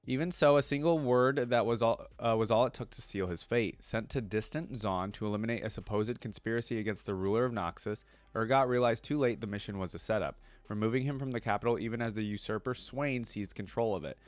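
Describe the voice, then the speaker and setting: In his reaction video, a man with a lowish voice moves back and forth between reading lore and offering relaxed, reflective remarks, stopping to explain things. No echo is present.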